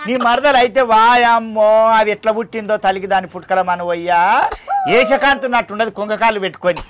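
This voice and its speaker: Man doing fretful village mother, Telangana Telugu accent, high voice, scolding, long-winded. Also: a little fast, a bit bright, slight background noise. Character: fretful village mother, middle-aged, talkative. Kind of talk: village comedy acting.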